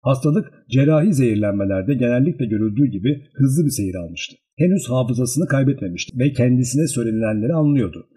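A man reads a literary audiobook aloud in a husky, mellow voice. His pitch moves up and down in a lively way, and the storytelling stays measured and expressive throughout. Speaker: audiobook narrator. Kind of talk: scripted literary narration.

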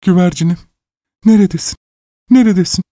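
A man voicing a desperate, furious old father who shouts and wails breathlessly in an audiobook. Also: medium pitch, fairly even intonation, normal speed, husky, no echo, clean studio sound, close to an everyday voice. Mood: wailing. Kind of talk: audiobook character voice.

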